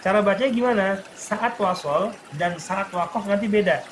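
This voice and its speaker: A man teaching Quran recitation rules in a recorded lesson, explaining each rule and then slowly reciting example verses. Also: sits high, a little hiss or hum.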